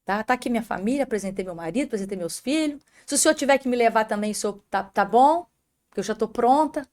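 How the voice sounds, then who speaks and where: Uma mulher com sotaque brasileiro, convidada de um podcast, contando um testemunho de fé com emoção e chamando o apresentador pelo nome. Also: female voice, on the high side, expressive, fast talker, a little mellow. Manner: emotional storytelling, often addressing the host by name. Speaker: podcast guest. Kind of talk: faith testimony in an interview.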